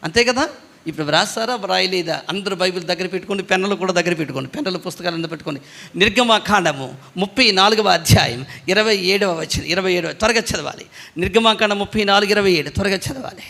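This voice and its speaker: High, bright-voiced male pastor preaching. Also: fast, vocal fry. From Telangana, India. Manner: asks the congregation questions, urges loud responses; rises to high chanting emphasis on scripture lines. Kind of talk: sermon. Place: village church hall.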